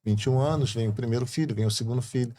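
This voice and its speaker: A middle-aged man from Brazil with a Rio de Janeiro accent, a permanent deacon calmly telling his story in casual conversation, often adding tag questions. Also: mid-range voice, racing. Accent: Brazilian Portuguese, Rio de Janeiro.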